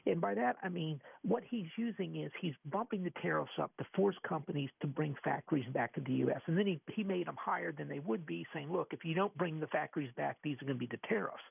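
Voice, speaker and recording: A man's voice: a little high, fast, vocal fry, hardly any pauses, husky, no room sound. A man hosting a financial radio show, talking about the markets with many stammered restarts, taped off the radio. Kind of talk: call-in radio talk on markets. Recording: tinny lo-fi radio recording, dry.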